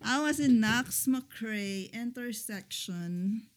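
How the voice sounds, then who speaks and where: A middle-aged woman co-hosting a casual chat show, talking slowly and hesitantly with frequent pauses. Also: on the high side, expressive. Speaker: podcast co-host.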